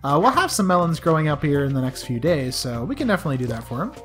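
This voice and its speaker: A young woman with a low, slightly scratchy voice chats through a video game as host. Her delivery is playful and lively in pitch, with soft game music behind her. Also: very fast. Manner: playful, chatty, talks to game characters. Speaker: let's play host. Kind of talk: casual game commentary.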